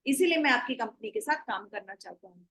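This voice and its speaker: A woman's voice: on the high side, animated, fairly quick, fairly bright tone, rough recording. A woman teaching an online class, mixing Hindi and English as she explains and gives instructions.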